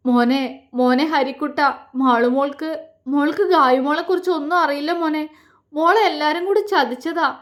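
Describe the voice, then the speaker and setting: A gentle middle-aged mother from a storybook, grieving and soft-spoken, her pleas close to tears, as a woman storyteller puts her on. Her voice sits fairly high. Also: moderate pace, natural voice. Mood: tearful. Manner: soft, tearful pleading.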